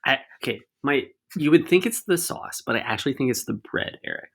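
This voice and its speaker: A man chatting casually as a podcast co-host, his throat thick with phlegm after a meal. He rambles through jokey, slightly gross descriptions in an easygoing, mid-pitched voice. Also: lively intonation, fairly quick, fairly bright tone, breathy edge.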